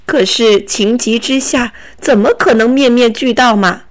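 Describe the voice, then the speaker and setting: A woman reading a children's story aloud with an expressive storytelling manner. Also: on the high side, measured pace.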